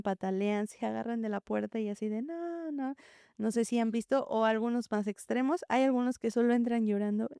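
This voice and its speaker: A woman, a preschool teacher, explaining gently in an interview and acting out what children and teachers say. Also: on the high side, creaky, clear, resonant tone, no echo, clean studio sound. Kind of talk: interview answer, calm explaining.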